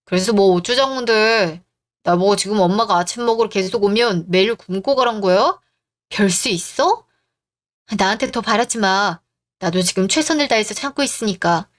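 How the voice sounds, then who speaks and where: A woman's voice: mid-range voice, normal speed, lightly acted. A woman voicing an exasperated young husband who defends his mother in a radio drama.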